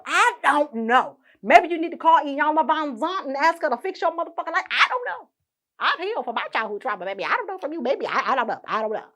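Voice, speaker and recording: A woman's voice: high voice, a bit bright. A young woman hosting her own podcast, ranting indignantly and swearing constantly. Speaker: podcast host. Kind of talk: profane ranting monologue.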